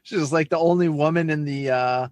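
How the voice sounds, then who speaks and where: A man's voice: a little high, fairly quick, a little mellow, no echo. A man co-hosting a casual podcast chat, laughing often and agreeing readily. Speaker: podcast co-host.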